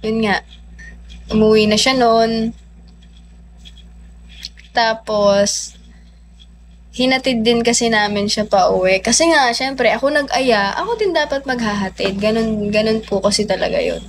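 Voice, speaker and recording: Young woman, livestreamer, animated casual storytelling, phone mic, lots of fillers. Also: on the high side, measured pace, pauses often, slight background noise.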